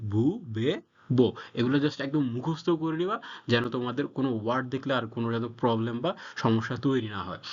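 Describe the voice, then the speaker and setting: A man teaching a casual language lesson, informal and repetitive, with frequent fillers. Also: medium pitch. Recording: slightly dull lo-fi audio.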